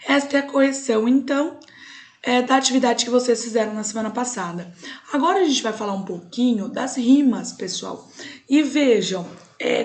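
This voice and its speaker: A young adult woman with a Brazilian Portuguese accent, teaching a recorded online class and explaining step by step, often checking in with "tá?". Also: on the high side.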